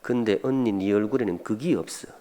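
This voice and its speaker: A man voicing a sharp-tongued younger sister who scolds her older sister in a mocking, cutting way. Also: fairly low pitch, brisk, lightly acted. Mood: snippy.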